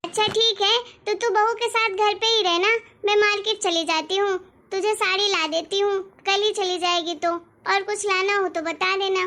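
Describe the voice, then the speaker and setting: A woman's voice: very high-pitched, fairly even intonation, normal speed, few pauses, bright, forceful tone, full character voice. A woman voicing a loving elderly mother-in-law in a family cartoon story, scolding fondly and insisting firmly. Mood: warm.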